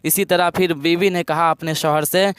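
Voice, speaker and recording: A man's voice: on the high side, fairly even intonation, normal speed, fairly bright tone, smooth, dry recording, studio quality. A man preaching a sermon, retelling a moral story in plain words and repeating phrases for emphasis. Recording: background music under the voice. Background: music.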